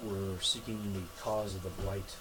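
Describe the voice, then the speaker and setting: A man's voice: low-pitched, flat delivery, unhurried. A man playing a tabletop fantasy game, chatting casually as he says what his character does. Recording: noisy room ambience.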